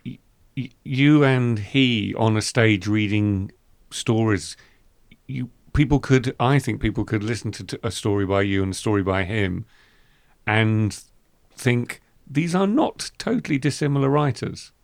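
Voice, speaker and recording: A man's voice: fairly low pitch, fairly even intonation, a little slow, no echo. A man hosting a literary podcast, thoughtful and given to restarting his sentences as he talks about books. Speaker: podcast host. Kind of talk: literary discussion.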